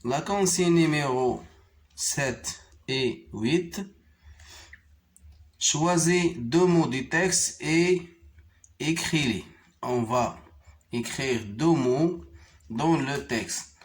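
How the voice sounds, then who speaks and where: A man teaching a primary French reading lesson with a Moroccan French accent, slowly sounding out syllables and spelling words letter by letter. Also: a little high.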